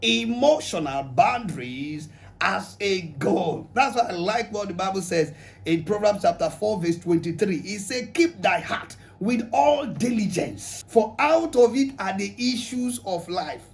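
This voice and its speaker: Nigerian man, very high-pitched, comic speaker, pidgin-laced relationship advice. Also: lively intonation, unhurried. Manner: humorous, mixes pidgin, acts out quotes. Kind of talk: lively relationship talk to an audience.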